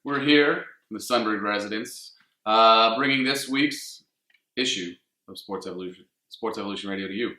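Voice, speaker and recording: A man's voice: on the low side, normal speed, bright, forceful tone. A man co-hosting a casual sports radio show from home, talking in a laid-back way with fillers. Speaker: co-host. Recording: echoey room.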